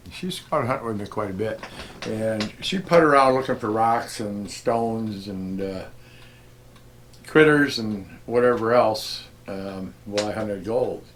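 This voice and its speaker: Brief: middle-aged man, lowish voice, folksy rambling storyteller outdoors, faint noise behind. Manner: folksy, rambling, with chuckles and many fillers. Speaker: gold prospecting vlogger. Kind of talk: casual storytelling. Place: outdoors at a desert detecting spot.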